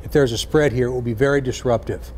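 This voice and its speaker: A man, a senior police official, gives an earnest, deliberate address to recruits, repeating key phrases for emphasis. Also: medium pitch, fairly even intonation, a little mellow, a little hiss or hum.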